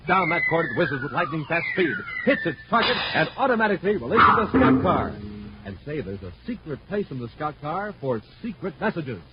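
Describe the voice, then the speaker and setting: A man with a slightly high, very animated, brisk voice plays a hearty American announcer in 1950s radio style, enthusiastically pitching boys' space toys in scripted sales copy and narration. The old recording is muffled and noisy.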